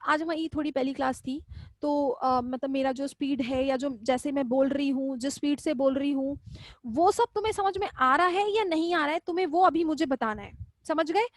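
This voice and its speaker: A woman's voice: high voice, moderate pace, no echo. A woman teaching zoology in a live online class, chatty and affectionate, often repeating questions back to her students. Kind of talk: live online class, casual Hindi lecturing.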